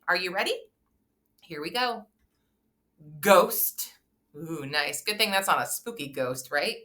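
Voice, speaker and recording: A woman's voice: on the low side, sharp tone. A woman with an encouraging kindergarten teacher voice, leading a phonics lesson and putting questions straight to young children in an exaggerated way. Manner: talks directly to the child listener, posing questions with pauses. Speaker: early reading teacher.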